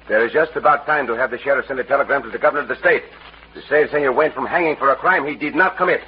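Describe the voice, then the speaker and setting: A man's voice: mid-range voice, very fast, close to an everyday voice. A man playing a dashing, taunting, chivalrous Mexican cowboy swordsman with a Mexican accent, in courtly, theatrical old-time radio western style. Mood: commanding. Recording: muffled old radio recording, faint noise.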